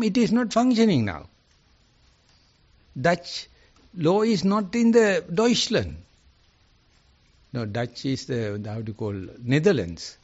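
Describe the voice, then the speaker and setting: Earnest Sri Lankan monk, lively pitch. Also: male voice, highs cut off. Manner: earnest, halting, searches for words mid-sentence. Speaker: Buddhist monk. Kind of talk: informal dharma talk.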